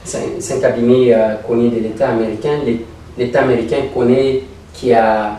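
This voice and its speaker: A man's voice: medium pitch, fairly even intonation, fairly quick, dark tone. A man interviewing a guest, asking probing questions with many hesitant fillers and repeated words. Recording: echoey room, voice from far off, faint noise.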